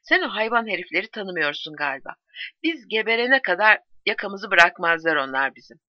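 A woman's voice: medium pitch, big pitch swings, fairly quick, no echo, dull audio, lightly acted. A woman reading the lines of a bitter, irritated man in a crowd.

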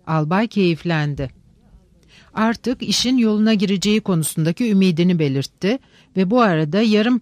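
A measured, wry literary narration at a middle pitch. The recording is dry and close, with no room sound. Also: a little mellow, dry recording.

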